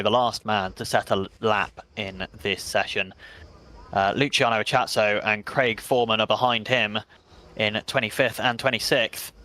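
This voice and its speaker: A man with an English accent giving brisk, chatty play-by-play commentary on a sim race, with self-mocking asides. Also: fairly low pitch, fairly bright tone. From England.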